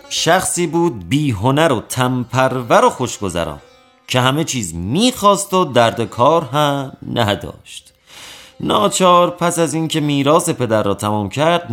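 Guy reading an old folk tale, steady n even, middle pitch. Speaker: storyteller. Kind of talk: reading a storybook tale aloud.

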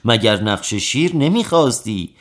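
A man voicing a patient bath-house barber who calmly obliges his customer. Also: medium pitch, close to an everyday voice. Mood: obliging. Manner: calm, accommodating.

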